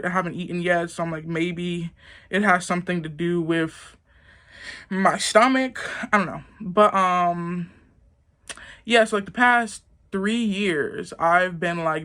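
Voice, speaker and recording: A woman's voice: on the low side, fairly bright tone. A young woman telling a casual story to the camera, rambling and filling with "like". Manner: rambling, heavy use of "like". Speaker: vlogger.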